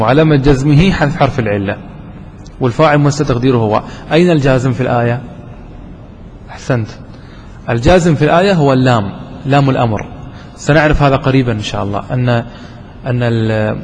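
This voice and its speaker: A man's voice: medium pitch, a little mellow. Man teaching grammar in a reverberant hall. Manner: asks questions, repeats examples slowly. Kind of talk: grammar lesson to students. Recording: roomy hall, faint background noise.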